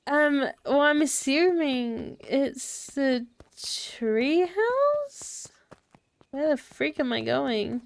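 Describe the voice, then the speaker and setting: A woman's voice: high-pitched, sing-song, drawn-out words, gravelly, no room sound. A woman streamer giving casual, chatty let's-play commentary with giggly asides.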